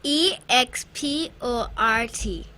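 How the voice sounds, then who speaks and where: A woman's voice: fairly high pitch, expressive, slow pace, bright, forceful tone. A woman answering questions in a casual educational chat, eagerly and with repeated phrases. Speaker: guest answering the host's questions. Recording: faint background ambient noise.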